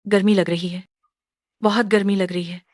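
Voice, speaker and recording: A woman's voice: mid-range voice, steady tone, moderate pace, darkish tone, dry recording, clean studio sound, close to an everyday voice. A woman voicing a drugged, desperate young village woman who pleads breathlessly. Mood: pleading.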